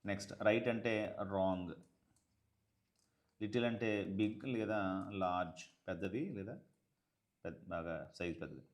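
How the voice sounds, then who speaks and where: A man's voice: low-pitched, steady tone. Man teaching English in Telugu. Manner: explains in Telugu, reads English text slowly and loudly. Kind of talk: exam-prep textbook lesson.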